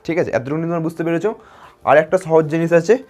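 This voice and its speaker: A man teaching a grammar lesson to schoolchildren. He asks a question, answers it himself, and repeats words slowly and encouragingly. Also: fairly high pitch, fairly even intonation, darkish tone. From West Bengal. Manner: encouraging, addresses students directly.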